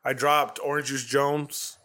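A man's voice: medium pitch, flat delivery, slow, bright, forceful tone. A man co-hosting a podcast, telling stories in a laid-back, slangy way with lots of swearing. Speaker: podcast co-host. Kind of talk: casual chat.

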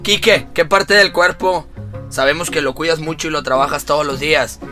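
Jokey mexican guy, bright tone, music faint in back. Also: fairly high pitch, normal speed. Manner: teasing, jokey. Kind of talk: casual chat.

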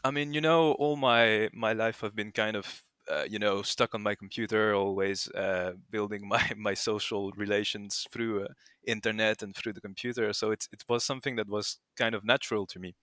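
A man's voice: lowish voice, steady tone, normal speed, fairly bright tone, no room sound, clean studio sound. A young man in his twenties with a French accent, a guest in a casual podcast interview who rambles with many fillers and restarts. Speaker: guest, project founder.

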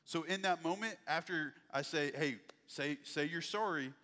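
A man's voice: on the high side, moderate pace, pushed and bright, big-room sound. A man preaching a sermon in a conversational, folksy way. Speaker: pastor.

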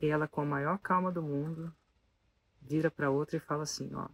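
A speaker, telling a story casually to an audience in an animated way and asking the listeners rhetorical questions. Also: medium pitch, fairly quick, creaky, husky, dry recording.

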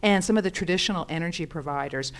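A woman's voice: fairly low pitch, fast. Chatty, enthusiastic woman. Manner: enthusiastic, chatty, many fillers. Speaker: co-host presenting news items. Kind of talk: casual chat.

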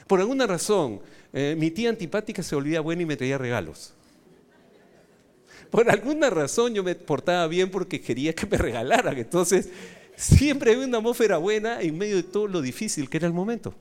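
A man's voice: high-pitched, sing-song, fairly quick, a little mellow. A man pastor with a Peruvian accent preaching a sermon, telling playful stories, acting out both sides of dialogues and asking the audience questions. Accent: Peruvian Spanish. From Peru. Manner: asks the audience questions and has them repeat. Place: church auditorium.

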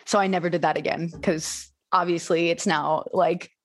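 A young woman speaking openly and reflectively as an interview guest, with soft laughs. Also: fairly low pitch, steady tone, moderate pace. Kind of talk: candid personal interview.

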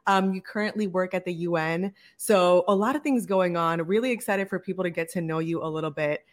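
A woman's voice: on the low side, fairly quick. A woman hosting a podcast interview, upbeat and enthusiastic as she welcomes and questions her guest. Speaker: podcast host.

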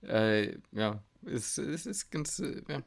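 A man's voice: medium pitch, expressive, slow, gravelly. A young man, a medical student co-hosting a casual podcast, talking loosely with lots of fillers. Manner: loose, rambling with many fillers. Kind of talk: casual chat.

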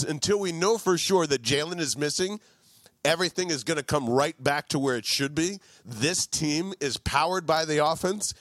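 Male sports co-host, fired-up profane rant, slightly high voice, dry room. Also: fairly bright tone, no echo. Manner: emphatic, profane rants. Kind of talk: casual sports talk.

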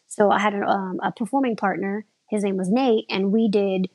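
A woman's voice: medium pitch, fairly even intonation, normal speed, gravelly, a little mellow, breathy edge. A woman in her thirties, an aerial performer, chatting casually in an interview. She rambles and often restarts her sentences.

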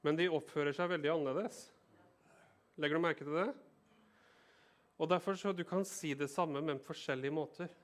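A man's voice: fairly high pitch, fairly even intonation, long pauses. A male pastor reading scripture aloud and then explaining it in a conversational way, often checking that listeners are following.

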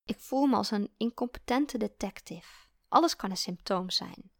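Woman storyteller, calm and reflective, mid pitch, some fry. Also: normal speed, no echo, studio quality. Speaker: narrator. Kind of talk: scripted story narration.

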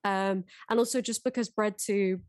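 A woman's voice: mid-range voice, steady tone, normal speed, no room sound. Female co-host, chatty and agreeable, dry recording. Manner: chatty, agreeable, frequent ums. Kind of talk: casual conversation.

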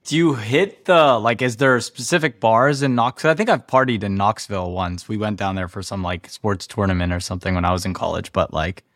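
A man's voice: on the low side, fairly quick, hardly any pauses, fairly bright tone, dry recording. Man chatting casually, close dry sound. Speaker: podcast co-host. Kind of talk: casual podcast chat.

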